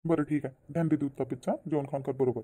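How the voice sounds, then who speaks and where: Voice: mid-range voice, steady tone, fast talker, mellow, slight background noise, natural voice. A voice actor playing a kind, trusting husband in a cartoon, soothing and reassuring his wife. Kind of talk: cartoon voice acting.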